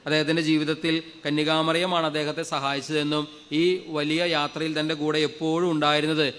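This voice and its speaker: Fast-preaching priest in a reverberant hall. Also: male voice, on the high side, monotone, clear, resonant tone. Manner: fervent, leads congregation in loud hallelujahs. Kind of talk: sermon storytelling.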